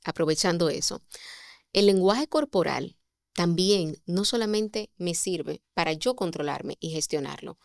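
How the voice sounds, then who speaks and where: A woman, a communication mentor, explaining sales techniques as a podcast guest with expressive delivery and rhetorical questions. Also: lowish voice, a little slow, creaky, no room sound, clean studio sound.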